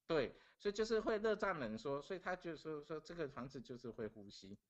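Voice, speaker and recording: A man's voice: a little high, very animated, brisk, dull audio. A middle-aged man from Taiwan. He is a podcast guest telling a story casually and earnestly, repeating phrases as he goes. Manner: earnest, repeats phrases while recounting events.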